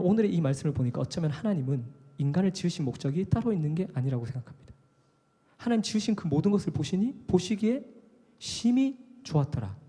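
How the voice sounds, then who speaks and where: A man preaches live in an animated, conversational way, now and then acting out other voices. His voice is high, mellow and husky. Long reverb from the hall trails behind his words. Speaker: worship leader preaching. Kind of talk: live sermon. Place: live worship service in a hall.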